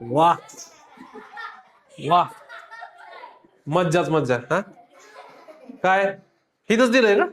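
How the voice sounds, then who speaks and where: A man's voice: high-pitched, animated, takes it slowly, pauses often, fairly bright tone. A man teaching a classroom of children, quizzing them with repeated questions and playful teasing.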